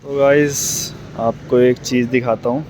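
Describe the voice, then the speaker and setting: A man's voice: mid-range voice, flat delivery, a little slow, a little mellow, muffled recording. A man hosting a casual vlog, chatting informally and speaking straight to his viewers. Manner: informal, addresses viewers as "guys". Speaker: vlogger host. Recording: noisy background.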